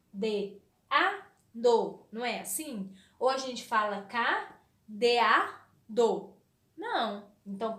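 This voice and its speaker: Teaching young children to read and write, a female primary school teacher with a Brazilian Portuguese accent speaks in a high, slightly bright voice with a roomy sound. She draws her words out slowly in a sing-song manner, answering her own questions as she goes.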